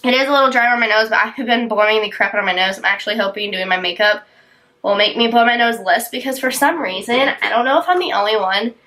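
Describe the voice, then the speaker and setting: A young woman beauty vlogger chats casually through a get-ready-with-me while doing her makeup, full of ums and likes. Her voice is a little high, quick, pushed and bright, but congested and sick-sounding, with a tight, dry throat.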